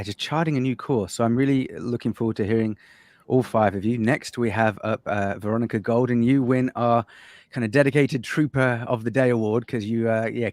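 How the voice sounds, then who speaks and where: A man's voice: mid-range voice, darkish tone, dry recording. A man moderating a webinar panel over a video call, upbeat and affirming as he introduces speakers.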